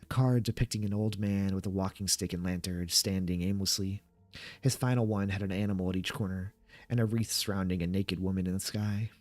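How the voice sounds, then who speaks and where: A man reading a scripted horror story aloud in a measured, subdued storytelling manner. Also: low-pitched, steady tone, a little mellow, dry recording.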